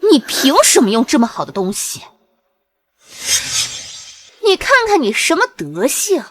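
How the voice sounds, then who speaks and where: An actress playing an arrogant, spiteful young mistress who taunts and shouts. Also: female voice, wildly swooping pitch, measured pace, heavily acted. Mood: sneering. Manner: sneering, taunting, shrill. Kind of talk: short drama acting.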